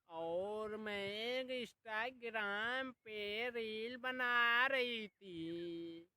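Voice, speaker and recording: A woman voicing a sharp-tongued young daughter-in-law in a comic cartoon, talking back with defiant indignation. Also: on the high side, smooth, no room sound, heavily acted.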